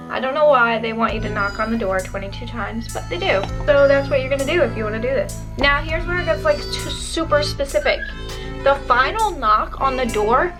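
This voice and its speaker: Chatty high-voiced woman vlogger over music. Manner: informal, animated asides with acted-out quotes. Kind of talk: casual chatty storytelling during a makeup tutorial. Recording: music bed behind the voice. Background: background music.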